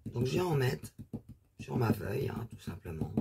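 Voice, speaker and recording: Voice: mid-range voice, sing-song, normal speed, gravelly, very noisy. A presenter chatting casually through a hands-on craft demonstration, rambling with many fillers and asides, trailing off while working. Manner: talks while working, trails off mid-sentence.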